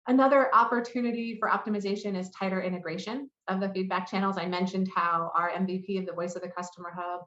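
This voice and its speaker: Speaking at a conference as head of customer marketing, this woman presents and answers questions in a voice on the low side with a bit of brightness. The sound is a little muffled, with noticeable room echo.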